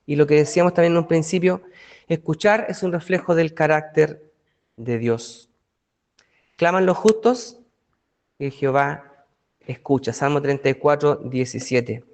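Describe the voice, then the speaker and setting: A man's voice: a little high, a little slow, long pauses, darkish tone. A man, a pastor teaching a Bible study in a conversational way, often asking his listeners rhetorical questions.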